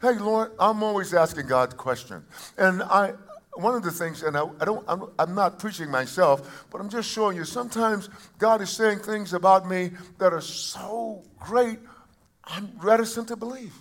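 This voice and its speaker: High-voiced preacher swinging loud and soft. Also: male voice, moderate pace. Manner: swings between quiet asides and loud emphatic calls; repeats words and restarts phrases. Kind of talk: sermon. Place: church service before a congregation.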